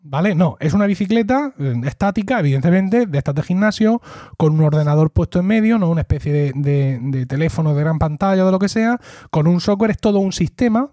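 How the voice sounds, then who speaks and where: A man's voice: sits high, animated, brisk, dark tone, dry recording, studio quality. A middle-aged man hosting a podcast, chatting casually and acting out quoted dialogue as he tells a story. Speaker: podcast host. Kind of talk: casual chat.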